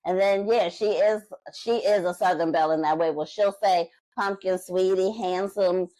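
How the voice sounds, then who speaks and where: A woman's voice: on the low side, moderate pace, warm tone, dry recording, poor audio. A woman co-hosting a casual reality TV recap, blunt and shady, acting out what people said. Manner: blunt, shady, acts out quotes. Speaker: podcast co-host.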